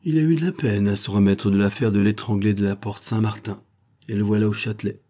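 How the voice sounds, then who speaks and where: A man voicing a cheeky young male actor-sleuth who talks in lively street slang. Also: on the low side, brisk. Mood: bantering.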